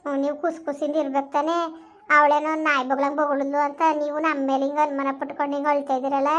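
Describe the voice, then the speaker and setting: A woman's voice: high-pitched, little pitch movement, racing, fairly bright tone. A woman playing a young village daughter-in-law in an amateur family skit, talking in a soothing, earnest, reassuring way.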